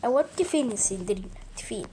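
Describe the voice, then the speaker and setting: A woman's voice: on the high side, animated, very fast, dark tone, slight background noise. A woman with an Egyptian Arabic accent hosting a horror game let's-play, chattering nervously and yelping when startled. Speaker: gaming channel host. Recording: game music clearly behind the voice.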